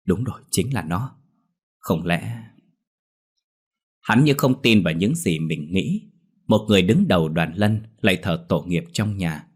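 A man narrating a horror story in a steady, unhurried way. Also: sits low, husky. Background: faint music.

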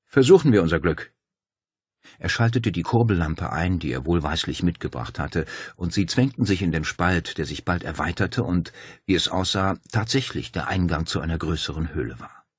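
A man with a very low, husky voice narrates a novel, moving his pitch up and down as he tells the story. The recording is dry and close, with no room sound. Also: moderate pace, dry recording. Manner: lively storytelling. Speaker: audiobook narrator. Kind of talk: scripted audiobook narration.

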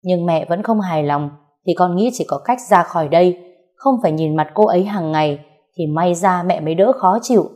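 A woman voicing an earnest young husband who speaks in a measured, pleading but firm way in a storybook reading. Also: fairly low pitch, warm tone, lightly acted. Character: earnest young husband defending his wife.

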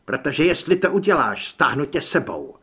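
A man's voice: fairly high pitch, sing-song, bright, forceful tone, breathy edge, full character voice. A man voicing a chubby, fanatical male occultist who whines when scared and turns commanding. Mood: menacing. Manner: whining and pleading when scared.

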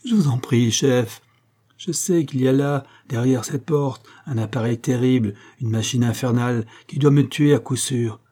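A man's voice: mid-range voice, normal speed, warm tone, close to an everyday voice. A man voicing a cowering, pleading henchman. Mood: begging. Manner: pleading, panicky. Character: frightened male lieutenant of a gang, cowardly, pleading.

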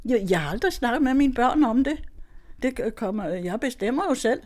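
A woman's voice: a little high, lively intonation, darkish tone. An older woman tells her own story in a loose, chatty way. She laughs often between her words and restarts her sentences again and again. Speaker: guest telling her story. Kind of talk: casual storytelling.

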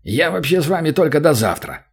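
A man voicing a gruff, sullen dwarf in an audiobook, muttering low in a husky voice. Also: sing-song, a little fast, heavily acted. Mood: grumbling. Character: gruff male dwarf warrior, grumbling and sullen.

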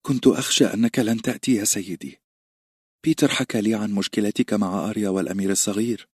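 A man voicing a worried middle-aged noblewoman in an audiobook, speaking softly and anxiously. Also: on the low side, steady tone, fast, breathy edge, dry recording, studio quality. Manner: soft, anxious.

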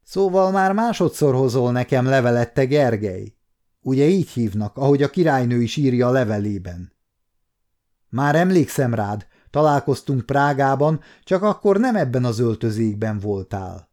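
Guy playing a commanding regent, kinda annoyed, asks sharp questions, mellow voice. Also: medium pitch, animated, lightly acted. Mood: stern. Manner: authoritative, questioning. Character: commanding royal regent, stern and curious.

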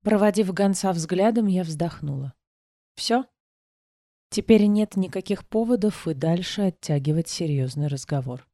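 Soft-spoken woman narrating a novel. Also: on the low side, a little slow, no room sound, clean studio sound. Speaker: audiobook narrator. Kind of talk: first-person audiobook narration.

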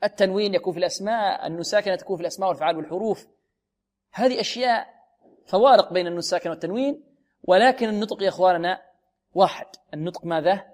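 A man teaching Quran recitation in a radio lesson, asking questions and answering them himself while slowly repeating words to model their pronunciation. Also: high-pitched.

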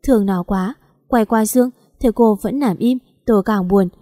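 Woman reading a story out loud, warm mellow voice, calm and even, dry close sound. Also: medium pitch, moderate pace, no room sound. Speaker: story narrator. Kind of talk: scripted story narration.

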